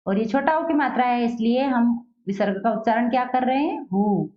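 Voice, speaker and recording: Woman teacher, slightly high voice, drills each word by asking and answering herself; dull lo-fi recording. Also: expressive. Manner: asks questions then answers them herself, repeats each word slowly. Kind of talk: classroom lesson for children.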